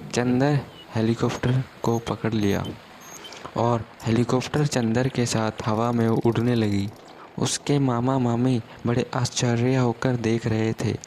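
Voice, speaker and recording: This slow-paced children's tale is read from a script by a man whose medium-pitched delivery holds steady with little variation. The tone is steady and somewhat dark, with a bit of background noise.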